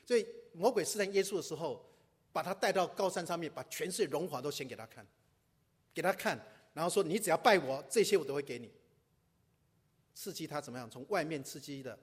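Brief: male pastor, quick conversational sermon, husky voice, long hall reverb. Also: on the high side. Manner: conversational preaching with rhetorical questions and English asides.

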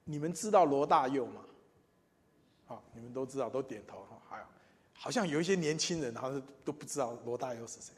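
A man, preaching and telling his own testimony, moving between loud emphatic lines and quiet asides. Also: medium pitch, expressive, a little fast. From Taiwan. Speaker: church speaker. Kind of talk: sermon with personal testimony. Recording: long reverb in a large hall.

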